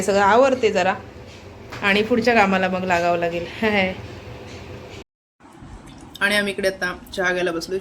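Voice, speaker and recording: A woman from the Konkan coast films her family vlog at home on a phone. She chats away to her viewers in an easy, mid-pitched voice and keeps pointing out what she wants them to see. Her voice is close to the phone, with a faint hum of the home around her. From Konkan, Maharashtra. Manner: chatty, keeps calling viewers to look. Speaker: family vlogger. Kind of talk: casual vlog chat to viewers. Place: at home, in the kitchen.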